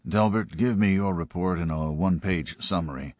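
A man voicing a gruff, weary middle-aged small-town sheriff giving orders. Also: low voice, normal speed, darkish tone, no room sound, clean studio sound, natural voice. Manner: gruff, commanding.

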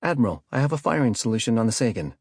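A man voicing a male weapons officer who gives quick, urgent reports. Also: mid-range voice, big pitch swings, a little mellow, slightly rough, dry recording, clean studio sound, pitched above the performer's own voice.

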